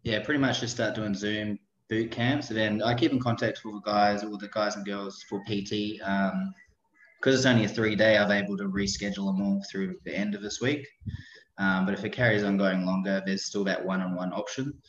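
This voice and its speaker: Echoey, even-toned New man. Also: fairly low pitch, fairly quick. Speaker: podcast guest, personal trainer. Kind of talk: casual remote interview chat. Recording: dull roomy online call audio.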